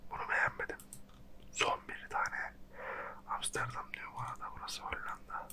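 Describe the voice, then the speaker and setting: A person speaking in a breathy close whisper, casually commentating on a geography guessing game in a slangy, self-mocking way. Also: normal speed. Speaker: host. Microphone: close microphone.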